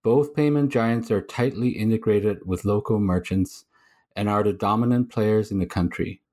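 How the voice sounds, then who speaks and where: Male podcast host, low voice, measured reads, stop-start questions. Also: darkish tone. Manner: measured reading, halting when asking questions. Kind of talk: read intro then interview questions.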